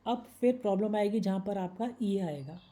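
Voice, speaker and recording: Very bright-voiced woman teaching grammar. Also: medium pitch, normal speed. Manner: patient, explains step by step with examples. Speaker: English teacher. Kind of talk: slide-based Hindi grammar lesson.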